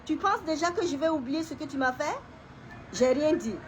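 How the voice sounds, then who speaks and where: A middle-aged woman gives an emotional personal testimony to camera. She talks haltingly, often repeating words, pausing and clearing her throat. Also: sits high, animated, slight background noise. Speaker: woman sharing a personal story.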